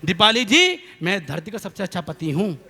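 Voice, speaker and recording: A young man performing comic poetry on stage, telling a lively story and calling on the audience to clap. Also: high voice, normal speed, very noisy. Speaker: stage comedy poet. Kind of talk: live comic poetry recital. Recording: long hall reverb on a live stage.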